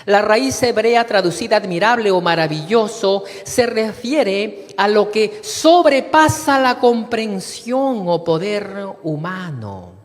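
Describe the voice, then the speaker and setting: A man preaching a sermon, reading scripture aloud and calling the congregation brothers. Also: sits high. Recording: long reverb of a hall.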